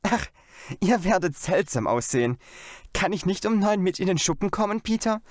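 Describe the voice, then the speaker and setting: Storybook girl, young, giggly and eager, high and animated, as a male reader puts her on. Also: normal speed, no room sound, clean studio sound. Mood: pleading.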